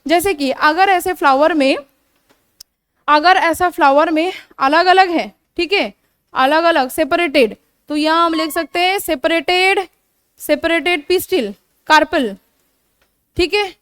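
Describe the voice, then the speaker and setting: A young woman with a high, clear voice gives a biology lecture, repeating key terms and often pausing to check that the class is following. She catches and corrects her own slips as she goes. The sound is dry, with little room echo. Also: fairly bright tone. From India. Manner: explanatory, repeats terms, frequent "theek hai" check-ins, self-corrects. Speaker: biology teacher. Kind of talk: classroom lecture mixing Hindi and English terms. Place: coaching classroom.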